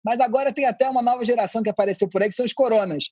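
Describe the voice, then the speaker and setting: Husky-voiced man explaining calmly. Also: very high-pitched, racing, no echo, highs cut off. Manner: explanatory, laid-back, playful asides. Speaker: anthropologist guest. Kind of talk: conversational podcast interview.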